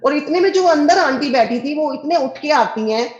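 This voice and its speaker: A fairly high-voiced, middle-aged woman tells a personal devotional testimony in an earnest way. She speaks straight to her listeners and acts out every line of dialogue. The recording is echoey and dull, with a lo-fi sound. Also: animated, moderate pace.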